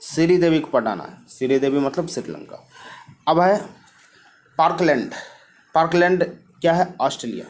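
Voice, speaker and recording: A man teaches a mnemonic geography lesson. His voice sits a little high for a man. He keeps posing questions and answering them himself in a repetitive drill. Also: big pitch swings, normal speed, long pauses. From Bihar, India.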